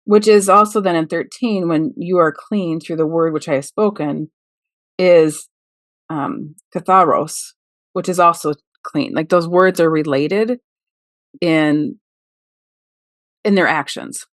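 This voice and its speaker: Woman, discussion guest, hesitant and explanatory, low-ish voice, dry sound. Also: slow pace, long pauses, dry recording. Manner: tentative, many "like" fillers, explains word meanings. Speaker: podcast discussion participant. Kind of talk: casual discussion of scripture.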